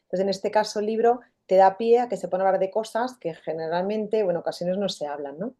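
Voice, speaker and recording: A woman, a guest author talking in an interview, animated and often acting out quoted dialogue. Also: medium pitch, fairly quick. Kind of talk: conversational interview.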